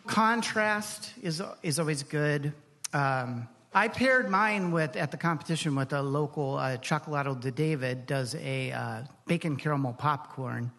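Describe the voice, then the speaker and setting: As an interview guest on a live radio show in a large hall, a man explains things in a casual, easygoing, informal way. His voice is fairly high, gravelly and fairly bright, a little slow, and the recording carries the hall's reverb.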